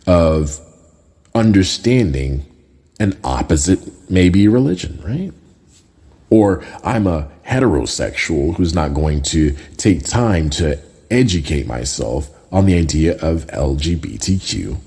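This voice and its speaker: Podcast host, man, from Jamaica: very deep, mellow voice, casual conversational delivery. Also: vocal fry, husky. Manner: conversational, often tags lines with "right?". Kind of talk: casual solo podcast talk.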